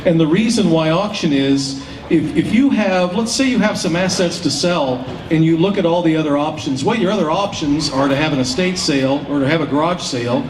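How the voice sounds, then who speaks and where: A man hosting a public event, explaining things to an audience in a folksy way. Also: on the high side. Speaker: auctioneer and event emcee. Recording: roomy PA sound, distant, faint noise.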